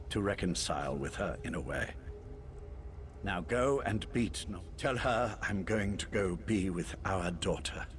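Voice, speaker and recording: A man voicing a solemn, grateful husband in a video game, speaking in a measured way. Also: deep voice, a little hiss or hum. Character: grateful husband hoping to rejoin his family.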